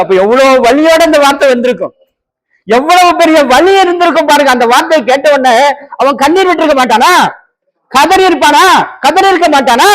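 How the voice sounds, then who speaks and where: A man's voice: very high voice, rough recording. A man preaching a sermon as an evangelist, acting out dialogue and rising to emphatic peaks. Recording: online radio broadcast.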